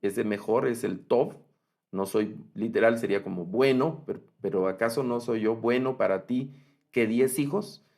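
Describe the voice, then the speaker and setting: A man's voice: mid-range voice, gravelly, darkish tone. A man teaching a Biblical Hebrew class, explaining patiently and often checking with "¿verdad?". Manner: explanatory, repeats points, frequent "¿verdad?" checks; reads out Hebrew phrases slowly and with emphasis. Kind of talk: online lecture with screen sharing.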